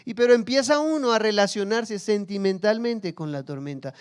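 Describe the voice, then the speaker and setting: A pastor delivers a sermon in a high, clear and resonant voice. He is playful, slipping into quick impressions of everyday people to make his point. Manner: humorous, acts out everyday scenes in quoted voices.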